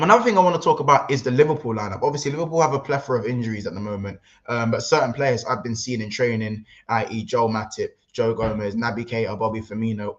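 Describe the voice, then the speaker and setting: A man hosting a casual football livestream, rambling and excitable, reading out chat messages. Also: medium pitch, muffled recording. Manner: excitable, rambling, London slang. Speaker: livestream host.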